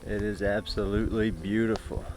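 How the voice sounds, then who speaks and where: A man's voice: lowish voice, level tone, brisk, low-quality recording. A man, casually hosting an outdoor vlog at a campsite, chatting to the camera and friends. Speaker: vlog host.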